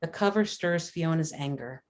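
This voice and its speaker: At a table read, a woman narrates the stage directions of a screenplay in a plain, matter-of-fact way. Her voice is low-pitched and a little mellow, and she speaks at an ordinary speed.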